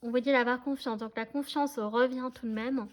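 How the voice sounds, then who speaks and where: With a slightly high voice, fairly even intonation, and a moderate pace, a woman gives viewers a relaxed tarot reading. She speaks to them directly, hesitates, fills pauses often, and keeps confirming they're following along.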